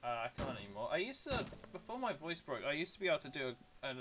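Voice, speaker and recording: A man's voice: fairly high pitch, sing-song, fast talker, noisy background. A British man streaming a game, chatting casually with viewers in a rambling, self-deprecating way. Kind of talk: casual live-stream chat, answering viewers.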